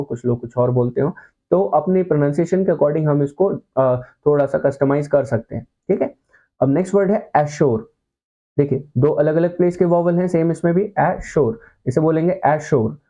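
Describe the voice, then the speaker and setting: A man's voice: on the high side, mellow, dull audio. A man teaching an online class, patiently walking through words and often checking that his students are following. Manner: casual and reassuring, mixes in English words. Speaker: shorthand teacher.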